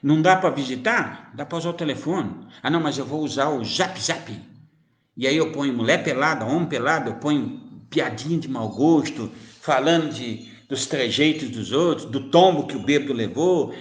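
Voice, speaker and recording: A man's voice: medium pitch, lively intonation, normal speed. A man giving informal spiritual teaching as a medium, teasing and chatty, full of rhetorical questions. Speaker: spiritist medium answering viewers. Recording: roomy echo.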